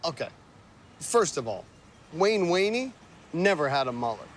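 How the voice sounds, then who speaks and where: An actor playing a hapless but determined middle-aged dad in a family sitcom, hesitant and self-justifying. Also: male voice, a little high, very animated, measured pace, a little hiss or hum. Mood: wry, evasive. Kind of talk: sitcom acting.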